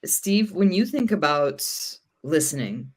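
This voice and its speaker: A woman's voice: fairly low pitch, very animated, slow pace. A woman hosting a podcast, asking curious questions and reflecting frankly in casual chat. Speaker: podcast host.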